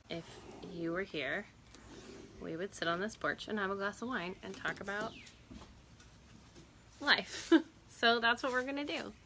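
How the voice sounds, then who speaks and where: A woman's voice: mid-range voice, sharp tone, slight background noise. A woman hosting a casual live stream outdoors on a porch, chatty, greeting viewers by name and laughing often.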